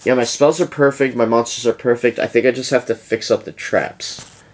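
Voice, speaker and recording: A man's voice: mid-range voice, fairly even intonation, moderate pace. A young man giving a casual, rambling deck profile to his channel, yawning as he goes. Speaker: YouTuber presenting a card deck.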